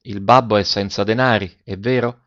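A man's voice: fairly low pitch, steady tone, moderate pace, a bit bright, natural voice. A man voicing an earnest, determined young girl pleading with her mother, in a slightly dull recording. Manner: resolute, pleading.

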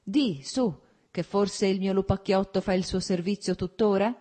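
A woman voicing a hearty officer who speaks in a loud, commanding bass and enjoys his own voice. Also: fairly even intonation, normal speed, close to an everyday voice.

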